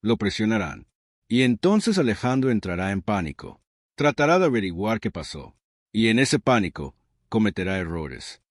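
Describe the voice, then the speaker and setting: A man's voice: on the low side, big pitch swings, normal speed, no room sound, studio quality. A man voicing a woman who reasons through a plan in an earnest manner, within a read-aloud story. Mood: reasoning.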